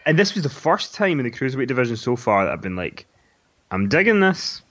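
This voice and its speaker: A man's voice: medium pitch, fast, lo-fi sound. Scottish man chatting about wrestling. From Scotland. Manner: relaxed storytelling with hesitant restarts. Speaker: podcast co-host. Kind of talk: casual wrestling recap chat.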